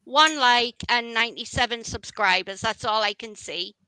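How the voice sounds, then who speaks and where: Bright, smooth-voiced woman chatting. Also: fairly high pitch, normal speed, no echo, poor audio. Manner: chatty and rambling, with frequent restarts. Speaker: livestream host. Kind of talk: casual chat on a livestream.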